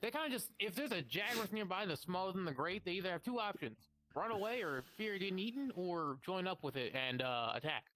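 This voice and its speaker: Voicing a guild quest giver, this game master leads an improvised mission briefing, swearing casually and questioning the group. He speaks in a high, animated voice, briskly and with few pauses. The low-quality recording is swamped by loud background music.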